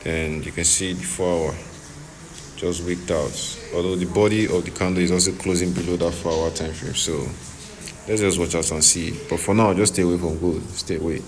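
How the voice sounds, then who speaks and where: Male trading vlogger, deep register, casual and repetitive delivery, noisy on-location recording. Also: fairly even intonation, normal speed. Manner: repeats phrases, checks listener understands. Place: on location, partly in a noisy hospital. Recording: noisy background, uneven level.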